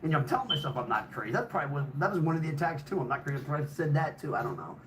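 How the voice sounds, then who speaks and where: A man's voice: fairly high pitch, sing-song, rapid-fire, background noise. An older man telling a personal story in a casual, rambling way, swearing heavily and restarting sentences.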